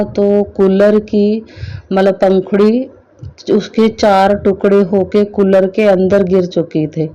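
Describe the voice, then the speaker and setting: A middle-aged woman sharing a devotional personal testimony in an earnest, halting storytelling manner. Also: mid-range voice, warm tone, dull audio.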